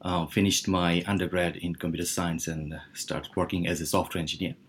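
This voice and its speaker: A man's voice: sits low, fairly even intonation, a little fast, slight background noise. A man from Bangladesh, a company CEO, answering podcast interview questions hesitantly with many fillers and restarts. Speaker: startup CEO guest.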